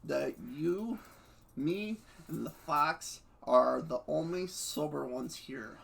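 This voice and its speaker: A man's voice: a little high, takes it slowly, gravelly, exaggerated voice. A man reading the lines of an observant male robot, stumbling over the words. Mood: matter-of-fact. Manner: flat reading, stuttering.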